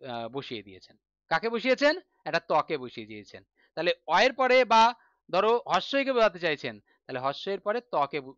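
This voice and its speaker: A man's voice: sits high, fairly bright tone, no room sound, muffled recording. A man teaching a Sanskrit lesson in a Bengali accent, patiently asking questions and answering them himself. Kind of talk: online lesson explaining on a board.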